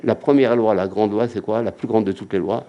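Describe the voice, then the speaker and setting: A man's voice: fairly low pitch, fairly quick, dark tone, lo-fi sound. A man giving a religious lecture as a rabbi, emphatic and repetitive, often acting out quotes.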